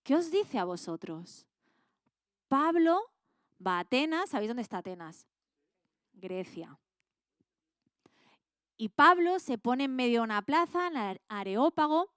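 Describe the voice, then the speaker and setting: A woman's voice: sits high, big pitch swings, a little slow, pauses often, fairly bright tone, clear, resonant tone, dry recording, clean studio sound. A woman with an accent from Spain, teaching a Bible class in a casual, colloquial way and quizzing her students with questions.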